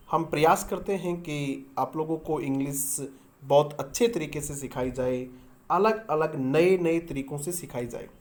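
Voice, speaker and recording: Woman English tutor with a lowish voice, patient and methodical, talks straight to her students. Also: a little mellow. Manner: patient, explains step by step and answers own questions; addresses viewers as students. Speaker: English teacher. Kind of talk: online language lesson.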